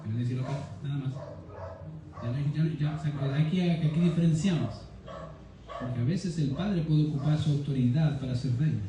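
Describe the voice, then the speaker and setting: A man's voice: fairly high pitch, normal speed, mellow. Man preaching in an echoey room. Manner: teaching, asks listeners "¿ya?" often. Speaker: pastor. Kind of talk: sermon. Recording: echoey room, distant mic, faint noise.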